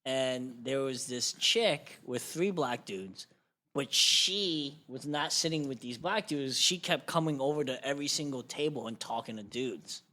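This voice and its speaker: A young adult man, a guest comedian on a podcast, telling a rowdy story in a casual, animated way, swearing freely and yelling when he acts out quotes. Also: medium pitch, a little slow. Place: podcast studio.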